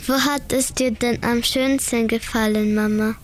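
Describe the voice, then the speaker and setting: A young woman interviewing her mother for a radio show, asking plain, steady questions. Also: fairly high pitch, a little slow. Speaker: interviewer, daughter.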